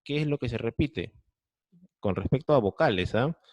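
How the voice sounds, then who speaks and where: A man's voice: mid-range voice, animated, moderate pace, darkish tone, no room sound. A man with a Peruvian Spanish accent teaching an online class over a video call, patiently explaining step by step and often checking that students follow.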